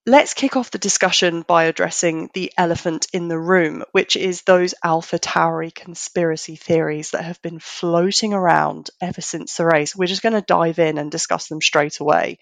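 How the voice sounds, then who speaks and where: A woman podcast host speaks in a gravelly, hoarse voice that sits a little low. She sounds under the weather as she leads the discussion in a roomy, echoing space. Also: level tone, moderate pace, hardly any pauses. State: hoarse from being unwell.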